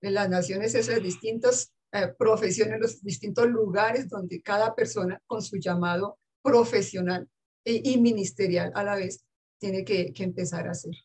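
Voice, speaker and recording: A woman, an English teacher telling stories earnestly in a casual interview, with soft laughs. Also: mid-range voice, steady tone, moderate pace, husky.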